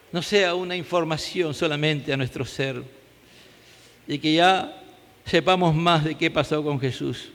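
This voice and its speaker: High, bright-voiced Peruvian pastor preaching. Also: male voice. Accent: Peruvian Spanish. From Peru. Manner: fervent preaching, rising to loud emphatic peaks, dropping low in prayer. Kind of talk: sermon. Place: church hall. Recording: church hall with long reverb.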